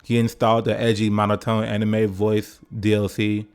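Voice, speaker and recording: A man's voice: fairly low pitch, completely flat delivery, moderate pace, clear, resonant tone, soft background music. A man narrating a casual comedic video essay, full of jokes, profanity and conversational asides to the viewer.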